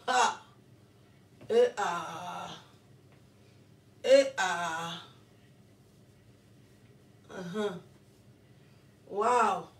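A woman's voice: on the low side, very slow, pauses often, recorded from a distance. A woman vlogging casually as she opens gifts, exclaiming often and thanking over and over. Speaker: vlogger and comedian. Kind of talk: casual unboxing vlog. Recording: roomy echo, voice away from the mic.

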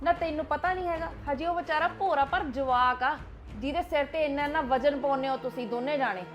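A woman playing a sharp-tongued nagging grandmother. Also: high voice, brisk, dull audio, soft background music, lightly acted. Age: older. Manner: scolding, nagging. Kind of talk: web-series family drama acting.

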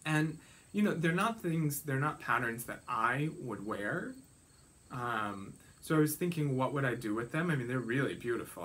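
A man hosting his own podcast, chatting casually in a gentle, rambling way with many ums and restarts, his throat a little froggy. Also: mid-range voice, a little hiss or hum. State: slight frog in throat. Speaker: podcast host. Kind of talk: casual solo podcast chat about knitting and sewing.

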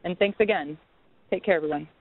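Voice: mid-range voice, brisk, background noise. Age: unknown. Role: program coordinator. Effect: over the phone. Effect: heard over a cell phone line. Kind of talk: welcome remarks on a webinar call. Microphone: cell phone, calling in remotely. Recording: tinny cell phone line.

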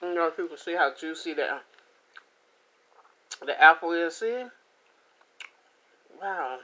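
A middle-aged woman chatting casually to the camera as she reviews food at home, with an unhurried manner. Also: low-pitched, pushed and bright, poor audio. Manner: unhurried, talking between bites with pauses and mm sounds. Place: indoors, small home room. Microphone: camera or phone at about arm's length.

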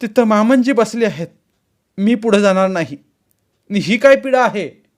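A man's voice: high-pitched, animated, normal speed, pitched above the performer's own voice. A man doing a frightened young bride. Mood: defiant.

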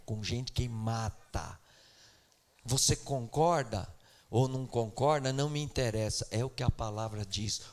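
A man from Brazil preaching a sermon in church, moving between soft asides and loud, repeated outbursts. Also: on the high side. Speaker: pastor. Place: church sanctuary.

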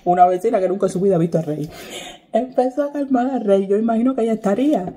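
A woman's voice: medium pitch, quick pace, dark tone. A young woman vlogger telling a story casually to her viewers, chatty and laughing often as she acts out what people said.

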